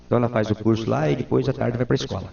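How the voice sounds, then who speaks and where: A man's voice: mid-range voice, fairly even intonation, rapid-fire, vocal fry, mellow, faint music behind. A man in his forties, a town councilman, giving earnest, formal answers in a local TV interview. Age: 40s. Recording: roomy, distant, dull lo-fi sound.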